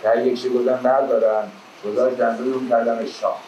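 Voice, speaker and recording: A man's voice: medium pitch, flat delivery, mellow. Theatrical epic teahouse storyteller, echoey man. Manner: theatrical, with raised declaimed calls and drawn-out verse. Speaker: traditional Persian storyteller (naqqal). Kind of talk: epic teahouse storytelling, moving between chanted verse and colloquial prose. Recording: echoey room with faint background noise.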